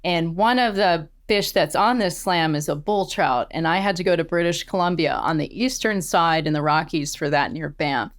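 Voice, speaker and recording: A middle-aged angler, born in Australia and raised in the eastern United States, guests on a podcast and tells her stories with enthusiasm, laughing often. Her voice sits on the low side, and she talks at a moderate pace with hardly any pauses in this casual interview.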